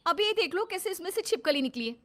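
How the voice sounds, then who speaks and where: A woman's voice: very high-pitched, expressive, quick pace, background noise, voice pushed up. A woman voicing an exasperated young daughter-in-law who complains in a cartoon story. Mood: complaining.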